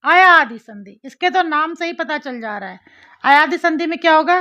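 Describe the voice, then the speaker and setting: A woman's voice: sits high, animated, moderate pace, pushed and bright. A woman teaching a grammar lesson, explaining step by step, repeating syllables and asking questions to her students. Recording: slightly dull lo-fi audio.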